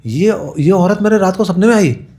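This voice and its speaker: A man voicing a fierce young woman who loudly insists on getting a book. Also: sits high, normal speed, background noise, voice pushed up. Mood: insistent. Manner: insistent, loud, excited.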